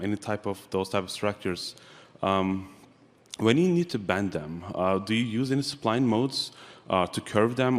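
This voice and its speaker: A man from Turkey with a very deep voice asks a question from the floor. He hesitates often and fills gaps with ums. His voice echoes through a large hall. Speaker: audience member asking a question. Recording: long reverb of a convention hall.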